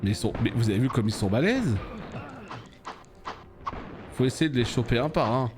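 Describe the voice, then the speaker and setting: A man streaming a game live, reacting loudly, swearing and talking to his chat. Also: medium pitch, moderate pace. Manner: excitable, swears, talks to chat. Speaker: gaming streamer. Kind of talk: live let's play commentary. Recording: music playing behind.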